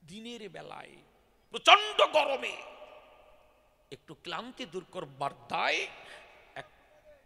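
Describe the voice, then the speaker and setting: A man's voice: fairly high pitch, vocal fry, pushed and bright. A man telling devotional stories to a gathered audience, often throwing rhetorical questions at them. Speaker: devotional folk poet-singer. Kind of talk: devotional storytelling discourse to a live audience. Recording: reverberant hall.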